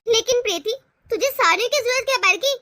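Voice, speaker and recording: A woman voices a kind, agreeable young wife in an animated family cartoon, talking to her family in a warmhearted, soothing way. Her voice is extremely high-pitched and quick.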